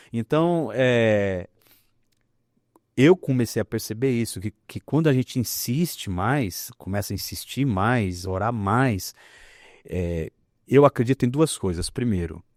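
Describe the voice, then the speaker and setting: A man, a pastor telling a healing story in an animated, emphatic way. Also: fairly low pitch, no room sound, studio quality. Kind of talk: testimony in a conversation.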